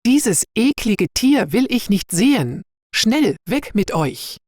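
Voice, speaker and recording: A woman voicing a bitter, quarrelsome older woman neighbour in a read-aloud story for learners, scolding and shrill. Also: animated, takes it slowly, a little mellow, no room sound, clean studio sound. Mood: disgusted.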